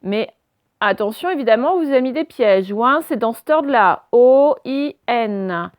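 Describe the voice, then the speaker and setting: A woman's voice: fairly high pitch, expressive, moderate pace, no room sound. A woman teaching a phonics lesson to young children, patiently spelling out letters one by one.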